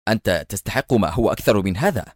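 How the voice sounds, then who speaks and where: A composed male secret agent who mocks his enemy in a low, even-keeled voice, as a man reads him in an audiobook thriller. His sarcasm stays cool and controlled. The recording is dry and close. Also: fast, no room sound, lightly acted. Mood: sarcastic calm. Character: calm, mocking male secret agent hero.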